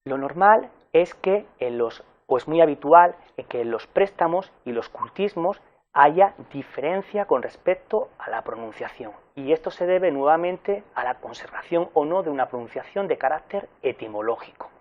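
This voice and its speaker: A man giving a recorded university lecture in an explanatory way, pausing with fillers and correcting himself as he goes. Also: on the high side, expressive, narrow, tinny audio.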